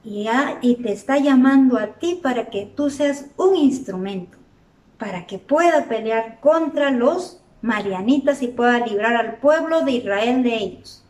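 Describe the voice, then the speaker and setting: A woman voicing a calm male angel messenger who speaks slowly and reassuringly in a children's story. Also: fairly high pitch, recorded from a distance. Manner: slow, measured, reassuring. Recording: roomy echo, from off the mic.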